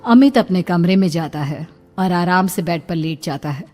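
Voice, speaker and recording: A woman narrating a children's cartoon story in a calm storytelling manner. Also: fairly low pitch, normal speed, faint music behind.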